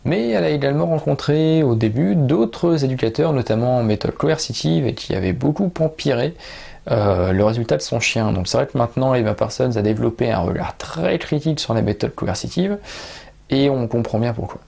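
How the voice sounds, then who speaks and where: Male dog trainer, gravelly tone, halting casual book review. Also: mid-range voice, lively intonation, warm tone. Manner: hesitant, many "euh" fillers.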